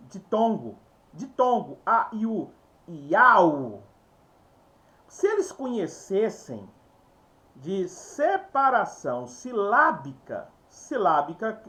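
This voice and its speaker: A man's voice: high-pitched, fairly bright tone. A man giving an informal Bible lesson, explaining step by step, repeating words and often calling out to his viewers. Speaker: Bible teacher.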